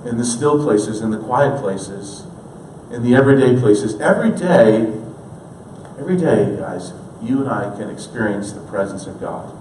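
A man in his thirties preaching a sermon in an earnest way, moving between hushed, slow lines and emphatic ones. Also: mid-range voice, animated, a little hiss or hum. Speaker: pastor. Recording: roomy, distant church recording.

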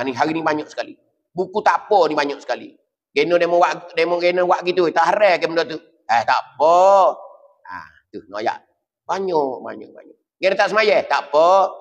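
A man's voice: a little high, a bit bright. A male religious teacher from southern Thailand, preaching emphatically with many repetitions and chanted Arabic quotes. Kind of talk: sermon. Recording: dull lo-fi with long reverb.

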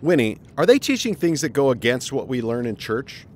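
A middle-aged man plays an upbeat father in a family audio drama, earnestly explaining things in a lively way. His voice is mid-range and his pace moderate.

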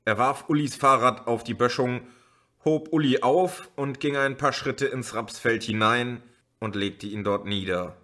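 A man reading a novel aloud as an audiobook in a slow, measured way. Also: mid-range voice, sharp tone. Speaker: audiobook reader. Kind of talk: audiobook narration.

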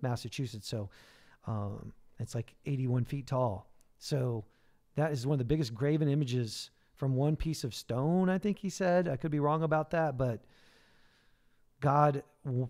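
Dark-voiced man leading a livestream prayer. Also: mid-range voice. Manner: earnest, unhurried, with frequent fillers and restarts. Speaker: ministry livestream host. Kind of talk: casual livestream talk and spoken prayer. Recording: livestream broadcast.

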